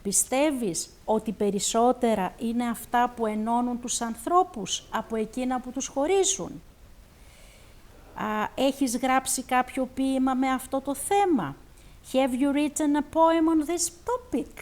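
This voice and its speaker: A woman TV host with a Greek accent, interviewing a poet and reciting poetry, speaking in an emphatic, effusive way. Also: high voice. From Greece. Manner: warm, emphatic, switches between Greek and English.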